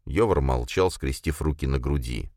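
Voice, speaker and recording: A man narrating a fantasy novel in a measured, even reading. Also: rumbling low, no echo, clean studio sound. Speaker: audiobook narrator. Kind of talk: scripted narration.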